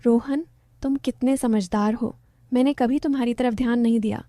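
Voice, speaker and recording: A lonely, affectionate middle-aged aunt from a spoken story, soft and coaxing, as a woman reads her. The tone is fairly high and mellow. The recording is close and dry, with no room around it. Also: fairly even intonation, moderate pace, no room sound, lightly acted.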